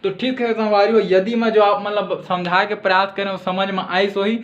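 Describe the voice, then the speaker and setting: A man's voice: high-pitched, brisk. A man with a Chhattisgarhi accent explains a math lesson step by step, checking in with listeners after each step. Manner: steady step-by-step explaining, frequent "theek hai" checks. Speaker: math teacher. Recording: echoey room, dull lo-fi audio.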